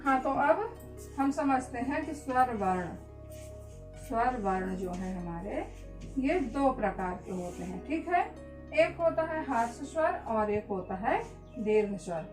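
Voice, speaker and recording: A woman teacher giving a lesson slowly, repeating key words and asking questions she answers herself. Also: on the high side, expressive, roomy sound, soft background music, poor audio. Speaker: school teacher. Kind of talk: classroom-style lesson.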